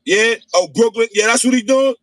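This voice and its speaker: A man in a casual livestream chat, taunting in an animated, sing-song way. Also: extremely high pitch, normal speed, no echo. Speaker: podcast guest. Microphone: phone livestream.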